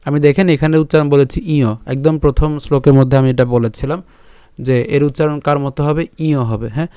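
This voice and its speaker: A man leads a scripture lesson, chanting each verse slowly and splitting words into their sounds. He often stops to ask himself a question and then answers it. His fairly high voice is smooth and clear, recorded close and dry. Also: steady tone, mellow, no echo. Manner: repeats "ঠিক আছে" and asks himself questions. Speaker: Gita teacher. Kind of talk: recitation lesson on Sanskrit pronunciation.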